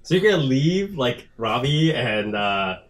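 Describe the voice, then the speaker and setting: Man, game master, medium pitch, loose conversational narration, table talk. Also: sing-song, measured pace.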